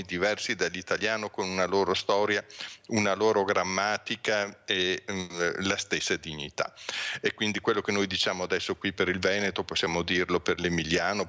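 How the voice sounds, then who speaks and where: A male linguistics professor, a guest on a morning television show, giving a measured, explanatory commentary full of reasoned asides. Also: sits low, sharp tone, muffled recording.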